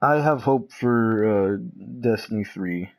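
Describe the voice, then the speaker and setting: A man cohosting a late-night chat with friends, joking, teasing and quick to laugh. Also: medium pitch, animated, no echo, low-quality recording. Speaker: podcast co-host.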